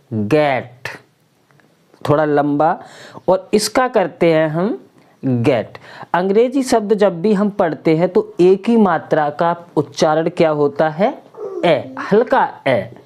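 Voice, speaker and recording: A woman's voice: deep voice, dark tone. A woman teaching English pronunciation, spelling out each word letter by letter and then saying it twice. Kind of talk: slow, deliberate pronunciation lesson.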